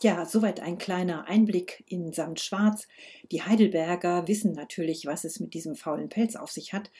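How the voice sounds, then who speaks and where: A woman reading her first-person novel aloud in a calm, measured way. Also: lowish voice, husky.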